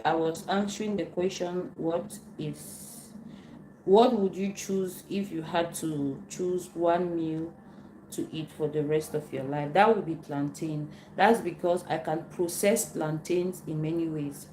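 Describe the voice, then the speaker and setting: A woman from Cameroon, hosting a casual live Q&A and answering viewer questions, unhurried and often repeating herself as she searches for words. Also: on the low side, darkish tone. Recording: roomy echo, faint background noise.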